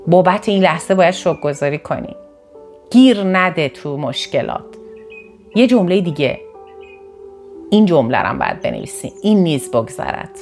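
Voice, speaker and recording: A woman from northern Iran gives a motivational talk, her voice sitting a little low for a woman. She swings up sharply in pitch to stress her points and often backtracks to rephrase. Soft music plays faintly underneath. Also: pauses often. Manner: animated, with sudden emphatic rises in pitch; repeats and corrects herself mid-sentence. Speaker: motivational speaker. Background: faint background music.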